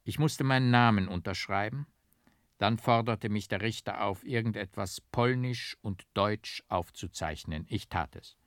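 Brief: male audiobook narrator, low voice, measured dramatic reading, dry close sound. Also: dry recording.

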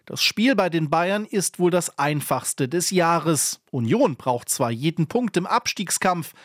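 A man's voice: a little high, lively intonation, unhurried, no room sound, clean studio sound. A man narrating a scripted sports news report as a reporter.

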